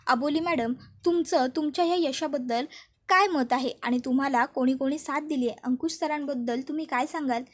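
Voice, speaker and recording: A woman's voice: high-pitched, brisk, lightly acted. A woman reading a reporter's polite questions in a plain recap voice. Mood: inquiring.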